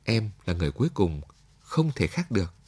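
A man's voice: fairly low pitch, sing-song, fairly quick, a little mellow, slightly rough. A man reading a story aloud, voicing a lonely young woman who pleads through tears and then turns firm.

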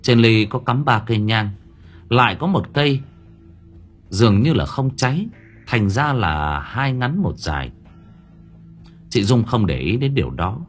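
Husky man narrating. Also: medium pitch, lively intonation, soft background music. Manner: dramatic, slowing for suspense. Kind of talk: scripted audiobook narration.

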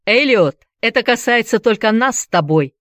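A woman voicing a desperate young man who shouts urgent, defiant demands. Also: mid-range voice, lively intonation, unhurried, no echo, studio quality, voice pushed up, natural voice. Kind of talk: audiobook character reading.

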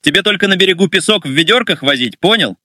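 A man's voice: sits high, lively intonation, quick pace, bright, forceful tone, no echo, clean studio sound, heavily acted. A man reading as a sneering drunk young man. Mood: taunting. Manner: sneering, taunting. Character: drunk arrogant young man mutinying on a yacht. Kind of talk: audio story narration.

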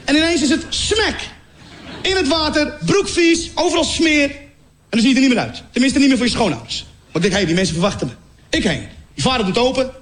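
A young man doing stand-up comedy, acting out scenes with sound effects and lively storytelling. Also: very high voice, a little fast. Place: stage in a venue before a laughing audience. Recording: echoey venue with crowd noise. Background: audience laughter.

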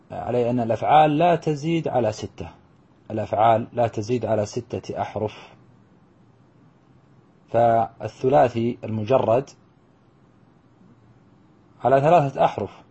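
Husky-voiced man teaching a grammar lesson. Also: mid-range voice, warm tone. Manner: slow, deliberate drilling of verb patterns; asks students questions and answers them himself. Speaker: teacher of Arabic morphology. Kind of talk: classroom lesson. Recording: dull lo-fi lesson recording.

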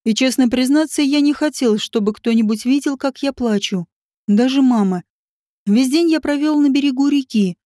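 A woman reader voicing a brooding middle-aged husband with a low, heavy, sardonic delivery. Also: moderate pace, mellow, no echo, studio quality, close to an everyday voice. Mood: bitter, mocking.

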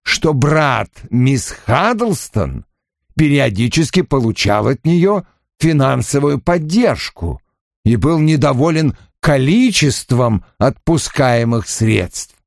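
An imperious detective, dry and commanding, unhurried and slightly gravelly, as a male narrator reads him. Close and dry, with a lively rise and fall. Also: mid-range voice, no room sound, pitched above the performer's own voice, full character voice.

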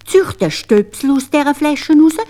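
A woman with a Swiss German accent telling a fairy tale in an expressive, animated way. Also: high-pitched, a little slow. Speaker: storyteller.

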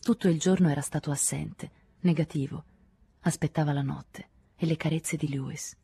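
A woman narrating a literary novel in the first person, measured and intimate. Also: low voice, fairly even intonation, warm tone, slightly rough, no echo. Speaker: audiobook narrator.

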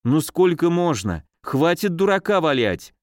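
A man's voice: big pitch swings, measured pace, dry recording, studio quality. A man reading an audiobook, voicing a fussy, easily frightened middle-aged woman nurse who talks in a mincing, scolding way. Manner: mincing, scolding, shrill when scared.

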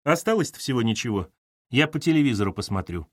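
A man's voice: medium pitch, very animated, fast talker, no room sound, clean studio sound. A man reading an audiobook, voicing a distraught young woman who answers sharply and defensively. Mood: upset.

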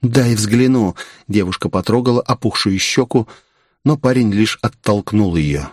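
A man narrating a fantasy audiobook in an even, measured storytelling tone. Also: on the low side, no room sound, clean studio sound. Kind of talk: scripted narration.

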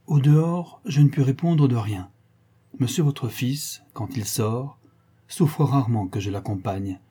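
A man's voice: mid-range voice, a little slow, warm tone, slightly rough. A man doing a defensive, deferential tutor. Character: anxious male tutor defending himself.

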